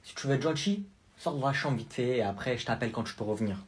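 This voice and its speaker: A man's voice: mid-range voice, quick pace. A man doing comic TikTok skits as a cheeky kid, talking in brash, mocking street slang. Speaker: comedy skit creator.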